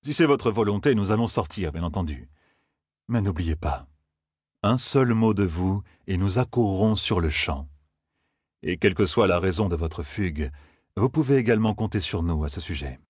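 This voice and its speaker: Male narrator as suave young nobleman, low and soft, ingratiating, storybook reading. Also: expressive, moderate pace, husky, dry recording, clean studio sound. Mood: charming. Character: charming, graceful young nobleman. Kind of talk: audiobook character voice.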